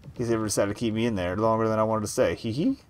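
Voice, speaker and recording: A man's voice: lowish voice, very fast, slight background noise, natural voice. A man voicing a grizzled, wheedling town drunk in a Western game, with folksy, rambling talk.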